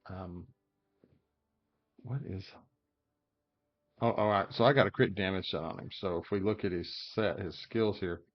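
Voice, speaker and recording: Speaking in a low voice at a moderate pace with long pauses, a game guide creator casually works through character builds aloud, peppered with fillers and hiccups. The highs are cut off in the recording.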